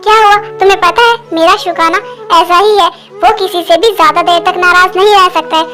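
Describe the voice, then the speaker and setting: A woman's voice: extremely high pitch, steady tone, a little fast, music in the background. A woman voicing a caring mother comforting her daughter-in-law in a Hindi fan dub, soothing and reassuring.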